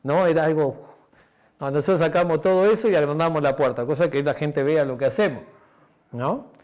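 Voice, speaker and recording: A man's voice: on the high side, fairly quick. A man preaching a sermon as pastor, with a Uruguayan Spanish accent, telling a personal story with acted-out dialogue and frequent tag questions. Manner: drops to a quiet, intimate tone near the end.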